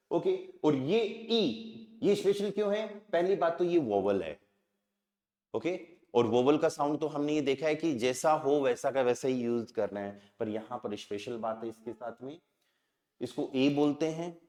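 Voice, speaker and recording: A man's voice: mid-range voice, a little mellow, echoey room. A man with an Indian accent teaching a language class. He keeps asking the students questions and answering them himself. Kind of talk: classroom lesson.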